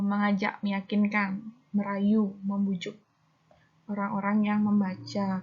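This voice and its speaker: A woman giving a recorded lesson to students, explaining step by step with fillers as she reads out examples. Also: mid-range voice. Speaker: teacher. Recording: dull lo-fi recording.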